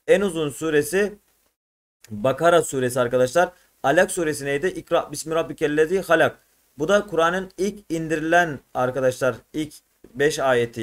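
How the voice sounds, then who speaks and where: Man teaching a children's exam-prep lesson. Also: fairly high pitch. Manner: addresses pupils as friends, explains and recites verses. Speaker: religion teacher.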